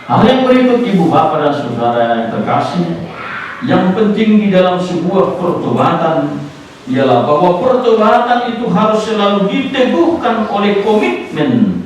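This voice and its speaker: A man preaching a sermon, rising in emphasis and slowing down on key words, sometimes slipping in English phrases. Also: high voice, sing-song, heavy reverb, distant mic, slight background noise, rough recording. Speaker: pastor. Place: church sanctuary.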